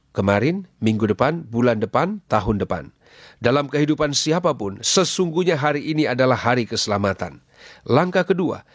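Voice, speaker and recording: A man's voice: medium pitch, dry recording, clean studio sound. A man preaching a radio sermon, earnest and exhorting, asking his listeners question after question.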